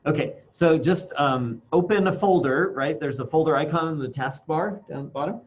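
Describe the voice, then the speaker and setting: A man teaching an informal classroom software demonstration, speaking haltingly through a face mask and thinking aloud as he goes. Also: a little high. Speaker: instructor. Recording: dull lo-fi sound, faint background noise.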